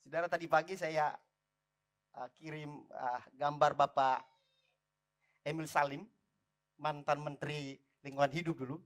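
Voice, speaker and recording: A man preaching a lively sermon in church, calling out to the congregation. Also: a little high, measured pace, long pauses. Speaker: pastor.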